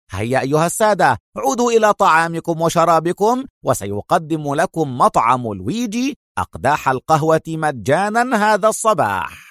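A man's voice: medium pitch, dry recording, studio quality, close to an everyday voice. A man voicing a shrewd restaurant owner. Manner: smooth, guarded, calculating.

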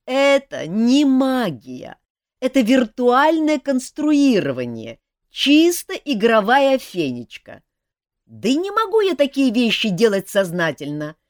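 Woman doing a royal jester, blunt, exasperated, teasing, lively delivery. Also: on the high side, slow, no room sound, clean studio sound, pitched above the performer's own voice, exaggerated voice.

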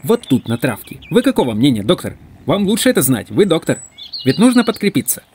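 A man's voice: on the high side, sing-song, fairly quick, darkish tone, slight background noise, voice pushed up. A male reader voicing a fussy, pompous male clerk who talks in long, wordy phrases. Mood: coaxing.

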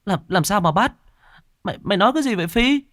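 A man's voice: very animated, normal speed, fairly bright tone, dry recording, studio quality. A male narrator voicing a worried, scolding older sister in a ghost story. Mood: alarmed scolding. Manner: shrill, scolding.

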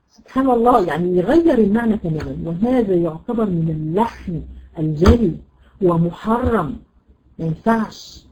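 A woman with an Egyptian accent teaching a Quran recitation lesson, explaining patiently, repeating words and checking understanding with quick questions. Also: mid-range voice, warm tone, muffled recording. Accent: Egyptian Arabic. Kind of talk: classroom lesson.

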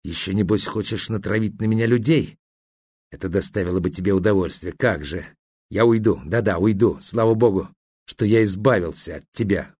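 A man's voice: on the low side, moderate pace, a little mellow, slightly rough, no echo, clean studio sound. A man reading the part of an agitated, selfish young male student who presses and pleads insistently. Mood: contemptuous.

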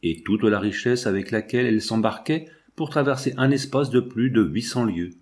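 A man's voice: lowish voice, lively intonation, a little mellow. Man narrating a classic novel. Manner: measured, literary reading.

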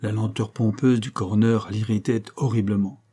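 A man narrating a classic novel as an audiobook, in a measured, dramatic reading. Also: on the low side, fairly even intonation, warm tone, slightly rough.

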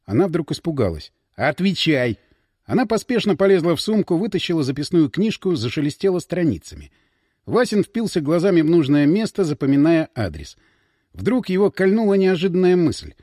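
A man reading a crime novel aloud with an expressive, dramatic delivery. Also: a little high, brisk, no room sound, studio quality. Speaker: audiobook narrator. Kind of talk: scripted narration.

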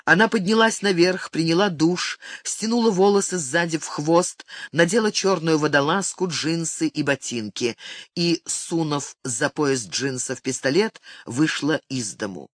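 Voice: mid-range voice, measured pace, a bit bright, no echo, studio quality. An audiobook narrator giving a dramatic reading of a novel.

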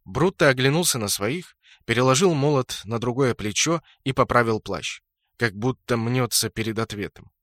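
A man reading a first-person fantasy novel in a steady storytelling manner. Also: mid-range voice, moderate pace, dry recording, studio quality. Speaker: audiobook narrator. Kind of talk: first-person fiction narration.

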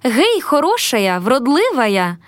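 A cheerful young carter from a storybook who teases playfully, read by a woman. The voice is high-set and lively. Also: takes it slowly, no room sound, exaggerated voice. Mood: teasing. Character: cheerful dark-haired young carter, teasing.

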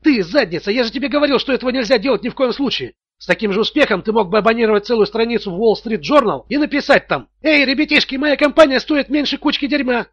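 A man voicing a panicky male finance director who yells, insults and mocks, in a muffled audiobook recording. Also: high-pitched, expressive, quick pace, dry recording, pitched above the performer's own voice. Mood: shrieking. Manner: yelling, abusive, sarcastic.

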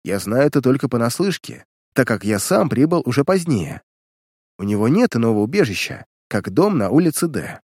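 A man's voice: mid-range voice, very animated, moderate pace, darkish tone, husky, no echo, clean studio sound. A man voicing a captured male spy who answers an interrogator tersely and reluctantly. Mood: resigned. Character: captured male spy, proud but broken.

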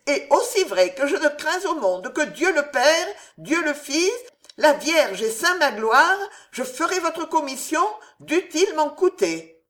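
A woman's voice: a little high, animated, measured pace, hardly any pauses, pitched above the performer's own voice. A woman voicing a pious old landlady who speaks fervently and swears by the saints, in a read-aloud historical novel. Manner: fervent, emphatic oath-swearing.

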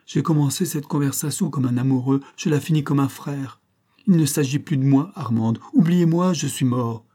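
A man's voice: mid-range voice, normal speed, mellow, natural voice. A man reading aloud and voicing a heartbroken young man with impassioned, anguished outbursts.

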